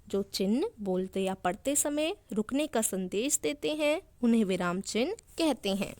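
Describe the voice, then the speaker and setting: A woman teaching young children a grammar lesson, her voice sitting a bit higher than most. She goes over each point again and again in simpler words. The sound is close and dry, with no room around it. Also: no echo. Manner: repeats and rephrases each point slowly for young pupils.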